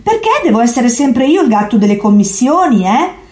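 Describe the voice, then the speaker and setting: A woman's voice: on the high side, expressive, moderate pace, darkish tone, voice pushed up, lightly acted. A woman voicing a grumbling male cat who whines and complains about running errands, reading a storybook aloud. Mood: whiny. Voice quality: whiny, complaining. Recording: echoey room.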